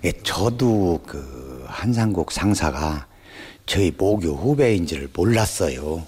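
A man's voice: deep voice, lively intonation, takes it slowly, a little mellow, husky. A man in his sixties speaking unscripted in a documentary interview. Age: 60s. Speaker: interviewee, retired educator.

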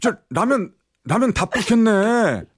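A man's voice: sits high, sing-song, slow, husky, full character voice. An actor playing a flustered young male shop clerk who stammers, in a radio drama.

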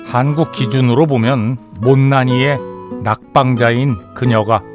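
A man's voice: medium pitch, a little slow. Male radio DJ, easygoing; reads listener texts and chats; faint music under the voice. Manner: relaxed banter, reads messages aloud and comments. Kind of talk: radio show, reading stories and listener messages. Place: radio studio.

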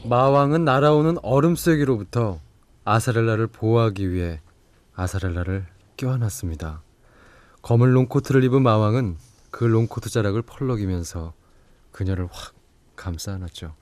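A man's voice: on the low side, normal speed, darkish tone. A man narrating a fantasy audio drama in a dramatic, playful scripted style.

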